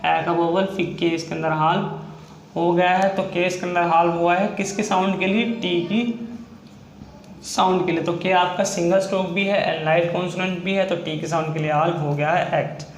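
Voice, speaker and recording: High-voiced man teaching shorthand. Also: steady tone, moderate pace. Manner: repetitive, patient explaining with frequent "theek hai" checks. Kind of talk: explaining a lesson step by step. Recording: echoey room with faint background noise.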